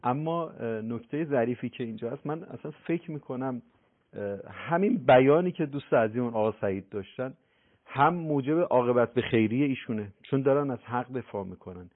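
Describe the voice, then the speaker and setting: A man's voice: mid-range voice, animated. A man hosting a religious talk show, speaking politely and deferentially with frequent hesitations. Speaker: host. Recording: thin phone-like broadcast sound.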